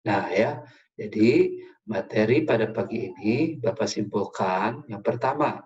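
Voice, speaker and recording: A man's voice: lowish voice, a little slow, a little mellow, highs cut off. A male teacher giving a patient lesson to young pupils, often checking in with short fillers. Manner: patient, repeats "ya" and "nah" often. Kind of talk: classroom lesson for children.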